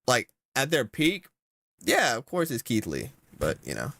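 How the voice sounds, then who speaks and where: A young man giving casual reaction commentary, slangy and exasperated, with sudden loud outbursts. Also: mid-range voice, wildly swooping pitch, a little slow, vocal fry, dry recording. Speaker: content creator.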